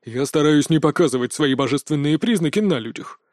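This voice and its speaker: A man's voice: fairly high pitch, lively intonation, brisk, a little mellow, no room sound, studio quality, natural voice. A man reading an audiobook, voicing a grumpy, reluctant ancient male god in a sulky, grudging tone. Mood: grumbling.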